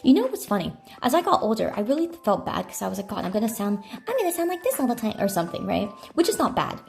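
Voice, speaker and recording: A woman livestreamer snacks and chats rambly at night over a phone mic in an echoey indoor room, faint music behind her. Her sing-song, fast voice has vocal fry and a slightly mellow tone, and she calls her speaking voice deeper.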